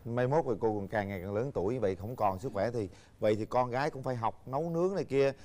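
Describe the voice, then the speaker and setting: A man hosting a talk show, asking his guests brisk, leading questions. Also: medium pitch, darkish tone.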